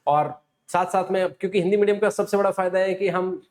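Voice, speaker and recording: A man's voice: high-pitched, fairly even intonation, fairly quick, a little mellow. A man from Rajasthan, teaching an exam coaching class, asking and answering his own questions. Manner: explanatory, asks and answers himself, frequent "है ना". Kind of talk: classroom lecture.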